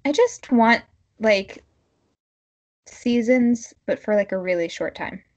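A woman podcast co-host chatting casually and informally in a halting, filler-heavy way. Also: fairly high pitch, expressive, darkish tone, dull audio.

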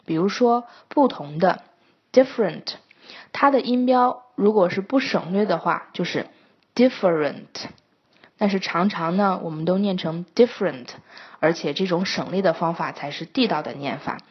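Patient woman teaching pronunciation, slightly husky. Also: fairly low pitch, normal speed, few pauses. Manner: patient, explanatory, with frequent hesitation fillers. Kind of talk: scripted lesson narration. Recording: dull lo-fi recording.

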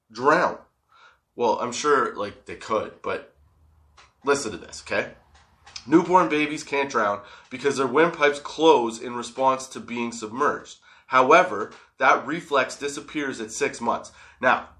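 A man's voice: mid-range voice, pushed and bright. A man hosting a casual, comedic solo podcast, stoned and rambling, giggly, drawing out the odd word. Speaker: podcast host.

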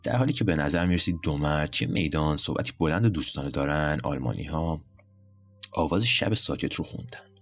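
Very deep-voiced male storyteller. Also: lively intonation, faint music behind. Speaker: narrator. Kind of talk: scripted story narration.

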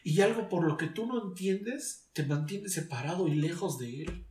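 A man's voice: sits high, animated, moderate pace, darkish tone. A man giving an emotional personal testimony, earnest and searching, often restarting his sentences. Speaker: guest giving a faith testimony. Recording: echoey room, distant mic.

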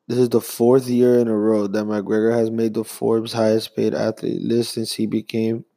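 A young man rambling through a profane, casual sports rant as a vlogger, jumping between fast bursts and drawn-out phrases. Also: on the low side, completely flat delivery, gravelly, warm tone, no echo.

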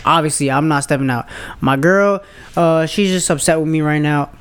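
A young man in his twenties co-hosting a casual podcast, his voice a touch high. He argues insistently and profanely. He keeps restarting his sentences to drive his point home. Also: normal speed, clean tone. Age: 20s. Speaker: podcast co-host. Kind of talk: casual chat.

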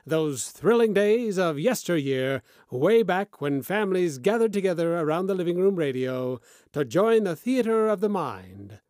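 A man with a high, lively voice delivers a theatrical, sweeping show introduction. The sound is close and completely dry. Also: normal speed, few pauses, dry recording. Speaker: show host.

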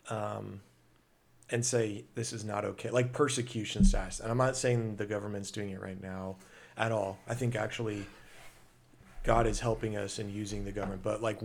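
A man co-hosts a relaxed podcast conversation, talking in a lower register. He rambles through his stories, padding them with fillers. His delivery stays casual and unpolished. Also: vocal fry, a little hiss or hum. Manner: rambling, eating while talking. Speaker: podcast co-host. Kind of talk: casual chat.

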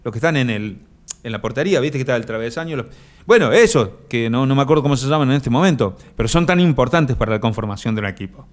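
A man's voice: medium pitch, animated, fast talker. A man with an Argentine accent hosting a live stream, reading viewer comments and rambling through mock-serious jokes with many fillers. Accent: Argentine Spanish. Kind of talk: joking casual chat.

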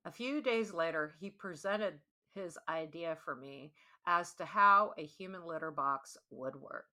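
A young woman hosts a podcast and tells the story straight, swearing freely. Her voice is bright and sharp, and her delivery is animated and blunt. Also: lowish voice, measured pace. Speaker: podcast host.

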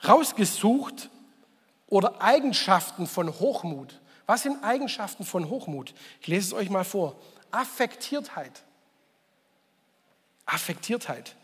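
A man's voice: high-pitched, husky, long reverb tail. A man preaching a Sunday sermon as pastor, talking conversationally, asking the congregation questions and repeating key phrases for emphasis.

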